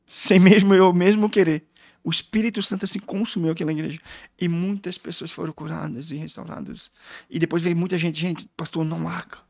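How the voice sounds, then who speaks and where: Fervent gravelly-voiced preacher man. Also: fairly high pitch, no room sound, studio quality. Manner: fervent, emotional storytelling. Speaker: guest pastor. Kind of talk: personal testimony in a podcast interview.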